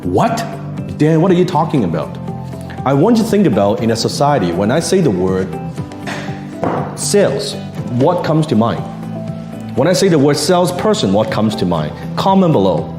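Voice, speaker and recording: A man giving a motivational sales talk, lively and acting out the people he quotes. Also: medium pitch. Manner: animated, acts out quoted voices. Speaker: sales speaker. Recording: echoey room with music behind.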